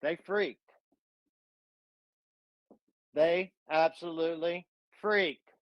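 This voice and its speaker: A man's voice: on the high side, fairly even intonation, very slow, no echo, dull audio. A man retelling a scripture story in a fervent, preaching style, full of dramatic repetition.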